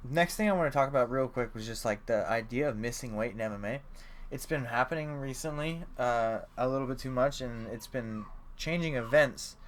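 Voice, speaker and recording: A man's voice: medium pitch, a little fast, a little hiss or hum. A young man co-hosting a sports podcast, chatting casually in a rambling way with lots of fillers and the odd swear. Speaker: podcast co-host.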